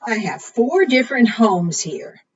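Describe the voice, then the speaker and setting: Muffled and distant on the recording, a librarian leads preschool storytime, reading to young children in a sing-song way and frequently quizzing them. She speaks on the high side with big pitch swings, unhurried and slightly rough.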